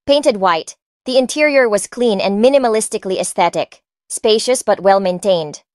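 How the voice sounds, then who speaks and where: Soft music backs a woman with a Filipino accent as she reads dramatic first-person audiobook narration at medium pitch and a moderate pace. The studio sound is clean, with no room sound.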